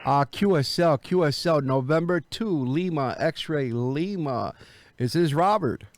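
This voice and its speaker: Speaking a little slowly in a fairly high pitch, a man who operates amateur radio chats casually and places calls using phonetic alphabet spelling.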